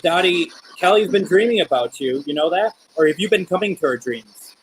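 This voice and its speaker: Casual male paranormal host, slightly high voice, halting questions, clearly noisy backdrop. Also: lively intonation. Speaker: host of live spirit box session. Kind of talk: live paranormal session, casual questioning aloud to spirits and viewers.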